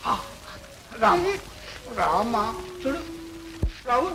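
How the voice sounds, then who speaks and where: An actor playing a gentle grieving father who softly coaxes a lost girl and consoles his wife, in vintage film dialogue. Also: extremely high pitch, big pitch swings, slow pace, creaky, noisy background, exaggerated voice. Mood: coaxing. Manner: soft, coaxing and consoling.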